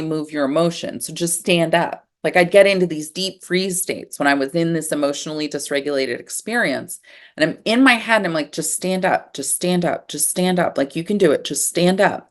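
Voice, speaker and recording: A woman cold-exposure coach, a podcast guest, telling personal stories in an earnest, animated way. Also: lowish voice. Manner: earnest, animated, acts out emotions. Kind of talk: personal storytelling in conversation.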